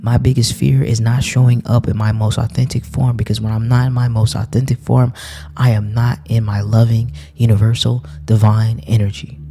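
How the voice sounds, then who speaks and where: Man, spiritual card-reading vlogger, mellow dark tone, gravelly, earnest, repeats himself for emphasis. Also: fairly low pitch. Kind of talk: motivational spiritual talk.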